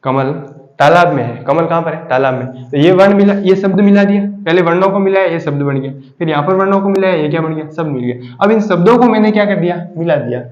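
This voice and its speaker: A man teaching a grammar lesson, who asks each point as a question and then answers it, often dropping low and soft for the answer. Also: fast talker. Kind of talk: classroom lesson. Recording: echoey room, dull lo-fi sound.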